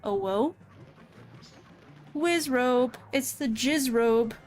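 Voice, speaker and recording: A VTuber streamer with a high-sitting voice speaks very slowly while playing a video game, giggling, playful, and poking fun at herself in casual commentary. Faint game music plays behind her.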